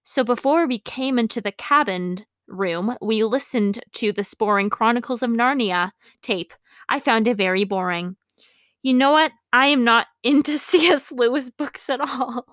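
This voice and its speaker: A woman's voice: a little high, a bit bright, no room sound. A woman hosting a podcast, reading her childhood journal entries aloud and breaking off for amused, self-mocking comments and laughs. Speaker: podcast host.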